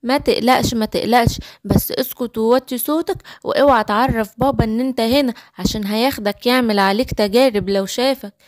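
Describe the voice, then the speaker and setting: An eager young girl, played by a woman, chatters in a lively, fairly high Egyptian Arabic voice. She is the heroine of a children's storybook cartoon. The sound is dry and close. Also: a little fast, dry recording, natural voice. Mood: reassuring.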